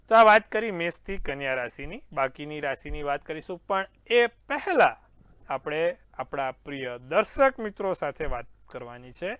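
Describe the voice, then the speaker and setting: A man's voice: on the high side, a bit bright, clear, resonant tone, dry recording. A man hosting an astrology show, reading daily horoscopes and answering callers with confident reassurance. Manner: confident, reassuring, addresses viewers as sir. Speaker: astrologer host. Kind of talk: horoscope forecast and call-in advice.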